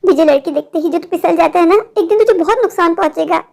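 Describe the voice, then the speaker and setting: A woman voicing a lecherous, cowardly married man in an animated horror story, muttering asides to himself. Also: very high-pitched, quick pace, vocal fry. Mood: frightened.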